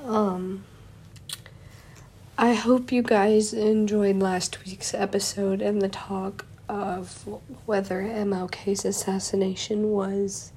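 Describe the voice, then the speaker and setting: A young woman hosts a casual solo podcast, chatty and full of fillers, sounding a little stuffy from a cold. Her medium-pitched voice is mellow, slow, and flat in delivery, with slight background noise.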